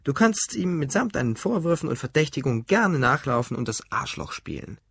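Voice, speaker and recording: A man voicing a calm, sarcastic young wife and mother, matter-of-fact and cutting, in an audiobook reading. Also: a little high, fairly quick, vocal fry, breathy edge, dry recording, studio quality, voice pushed up, full character voice.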